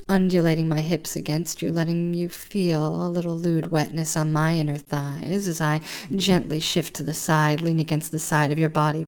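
Low, soft-voiced woman hypnotist. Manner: slow, soft, soothing, lingering phrases. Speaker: hypnosis narrator. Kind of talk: intimate guided hypnosis.

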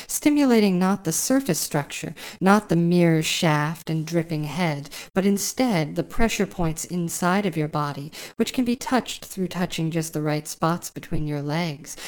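A woman doing intimate, scripted hypnosis narration in slow, flowing, repetitive phrases. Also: low voice, a little mellow, clear, resonant tone. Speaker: audio hypnotist.

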